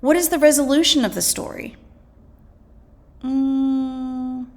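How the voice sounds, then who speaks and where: In a high-sitting, steady voice, a woman takes her time reading teaching material aloud. Like a teacher, she explains and poses questions in scripted, instructional narration.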